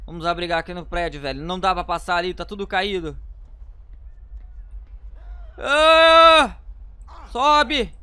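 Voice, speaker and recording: A man giving frantic let's-play commentary, yelling commands at the game. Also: sits high, fairly even intonation, quick pace, hardly any pauses, clean tone, dry recording. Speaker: gaming YouTuber.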